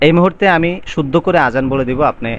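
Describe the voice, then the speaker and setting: A man teaching the call to prayer, explaining pronunciation rules and chanting the words slowly and drawn out. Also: mid-range voice. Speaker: azan teacher. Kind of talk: recitation lesson. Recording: dull lo-fi sound, faint background noise.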